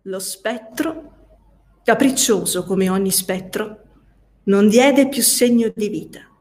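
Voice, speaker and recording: A woman narrating a classic novel as an audiobook, slow and measured. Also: medium pitch, darkish tone. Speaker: audiobook reader. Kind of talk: scripted literary narration.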